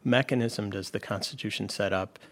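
A man's voice: on the low side, steady tone, a little fast. A man explaining law as a radio guest, lecturing with frequent restarts and fillers. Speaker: legal expert guest.

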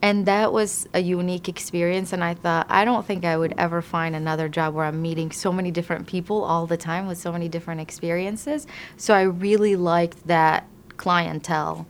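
A woman from Iraq, an immigration attorney, answering interview questions thoughtfully with frequent pauses and restarts. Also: fairly low pitch, a little hiss or hum.

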